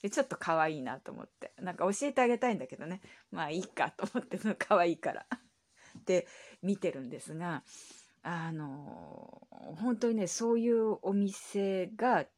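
Brief: lower-voiced woman from Japan, casual solo podcast chat, animated storyteller. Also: moderate pace. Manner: chatty storytelling with many fillers; acts out quoted voices in a raised pitch.

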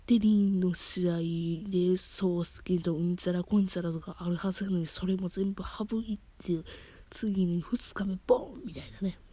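Kansai woman podcaster, breathy whisper, somewhat low, tearful late-night ramble. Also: fairly even intonation, normal speed, dry recording. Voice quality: soft, whispery. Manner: rambling, emotional fan chatter. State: tearful after crying. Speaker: podcast host. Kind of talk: casual late-night monologue.

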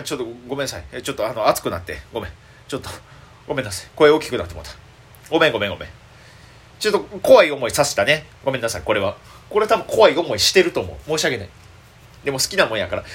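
Excitable Kansai-accented young man, lively pitch. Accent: Kansai Japanese. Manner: excitable, thinks aloud, frets and rambles. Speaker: comedian and podcast host. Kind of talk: solo casual chat.

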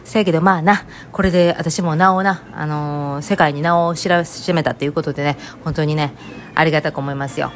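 Speaking fairly quickly in a low, steady voice, a woman vlogger talks to her viewers in Kansai Japanese. Her casual chat to camera wanders and jokes, packed with filler words.

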